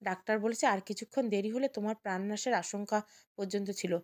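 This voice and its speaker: A woman's voice: medium pitch, fairly even intonation, brisk, a little mellow, close to an everyday voice. A woman voicing an anxious young sister-in-law in an audio story.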